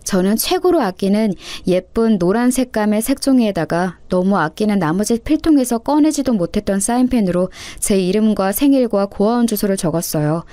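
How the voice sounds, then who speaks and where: A woman's voice: mid-range voice, animated, moderate pace, hardly any pauses, mellow, no echo. Woman narrating a wistful story. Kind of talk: scripted first-person story narration.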